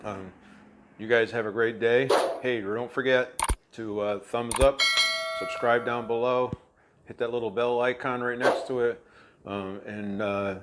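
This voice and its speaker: A man hosting a casual home cooking vlog, talking in a halting way with many fillers and restarts. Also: mid-range voice, steady tone, very noisy. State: talking with his mouth full. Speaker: cooking channel host.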